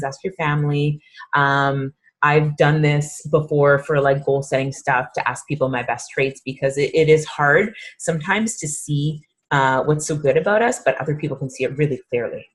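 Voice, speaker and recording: Woman, thirties, fitness coach, casual workshop talk, upbeat, low voice, husky. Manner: chatty, upbeat, filler-heavy.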